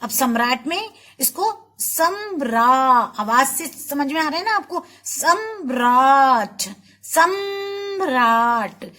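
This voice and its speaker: A woman's voice: high-pitched, expressive, pushed and bright. A woman teacher giving a spelling lesson to young children, patiently stretching out each syllable and repeating words for them to say back. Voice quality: slow, drawn-out syllable-by-syllable pronunciation.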